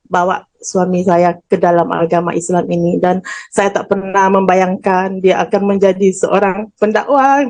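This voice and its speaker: A woman's voice: mid-range voice, a little mellow, poor audio. A woman on a forum panel sharing a candid, heartfelt personal testimony, emotional and close to tears at times, with frequent fillers.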